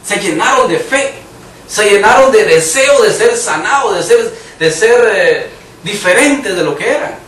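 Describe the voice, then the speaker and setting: Unhurried yet lively in intonation, a man with a high-pitched, slightly bright voice gives an emphatic sermon in a church hall. At times he raises his voice for quoted cries, and the recording is echoey with a far-off mic and slight background noise.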